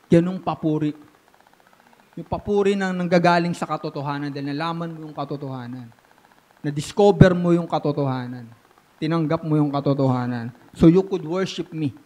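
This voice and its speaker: Pastor, male, high-pitched voice, animated sermon delivery, slips English into his preaching. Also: moderate pace. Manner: animated preaching with sudden swings from loud to hushed.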